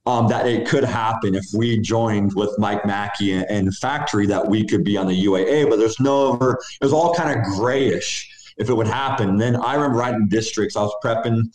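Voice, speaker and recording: A man's voice: fairly low pitch, fairly quick, few pauses, darkish tone. A man, a basketball coach, answering interview questions in an upbeat, rambling way over a video call. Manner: upbeat, rambling, restarts sentences. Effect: heard over a video call. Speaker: basketball coach and club program director. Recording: roomy video call audio.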